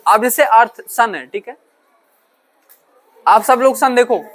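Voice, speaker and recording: Lecturing his classroom at a measured pace, a male teacher speaks with an extremely high, fairly bright voice. He raises questions and answers them himself, uses English terms along the way, and often asks whether students are following.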